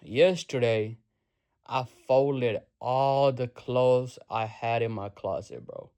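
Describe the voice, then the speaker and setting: A young vlogger from Nepal speaks to the camera in his bedroom, making a motivational point with loose slang, free swearing, and lots of "bro." His ordinary mid-pitched voice is clear, resonant, and a little mellow, and he takes it slowly in casual bursts.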